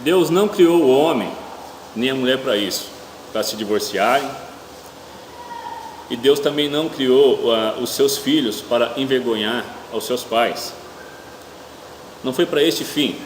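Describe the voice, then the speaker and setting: A middle-aged Brazilian man preaching a church sermon haltingly, his speech slightly hampered by a toothache, often posing rhetorical questions. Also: mid-range voice. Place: indoor church hall with noisy ambience. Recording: echoey reverberant hall, clear room hum.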